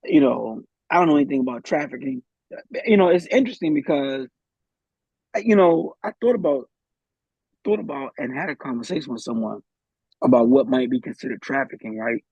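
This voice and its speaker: A man's voice: mid-range voice, fairly quick, gravelly, darkish tone, slightly rough, no echo, lo-fi sound. A man, a guest in a live podcast discussion, thinking aloud in a hesitant way with many restarts.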